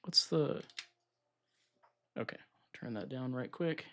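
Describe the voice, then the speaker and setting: A man with a medium-pitched voice speaks slowly over a faint hiss or hum. Hosting a casual live stream, he sounds a little nasal and congested as he gets over an illness. He's relaxed, thinking out loud as he sets up software at his computer.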